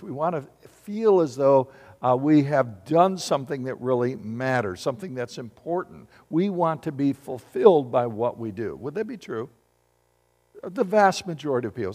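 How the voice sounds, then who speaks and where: A man delivers a sermon from the pulpit, his voice carrying a long reverb through a large hall. His pitch sits in an ordinary middle range, and he keeps turning to the congregation with questions. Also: darkish tone. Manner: asks the congregation questions and calls for responses. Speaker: pastor.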